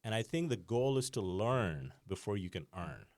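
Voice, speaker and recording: A man's voice: on the low side, sing-song, normal speed, a little mellow, no room sound, studio quality. A middle-aged man hosting a podcast, reflecting on what his guest said in a conversational, filler-laden way. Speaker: podcast host. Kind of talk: interview conversation.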